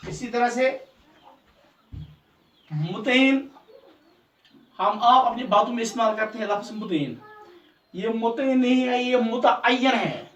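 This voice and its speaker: A man's voice: extremely high pitch, animated, a bit bright. Man, Urdu teacher, repeats words carefully, distant mic, echoey room, faint background noise. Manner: slow, repetitive, drills correct pronunciation of each word. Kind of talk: recorded pronunciation lesson.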